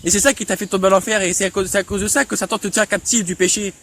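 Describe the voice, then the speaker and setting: A man with a fairly high voice delivers an impassioned rebuttal video about faith. He stammers, repeats words and restarts his sentences often. He scolds his rival directly and presses him with question after question. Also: fairly even intonation, rapid-fire, a bit bright, a little hiss or hum.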